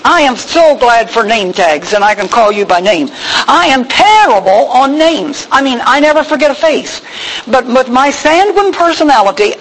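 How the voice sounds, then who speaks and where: An older woman teaching a Bible lesson in a chatty, expressive sermon with humorous asides. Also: sits high, rough recording. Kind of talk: conversational sermon.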